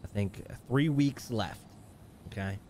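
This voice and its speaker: A man hosts a live game stream in a fairly low, mellow voice at a slow pace, with slight background noise. As streamer and host, he chats casually, reads viewer messages aloud, laughs often, and provides roleplay commentary.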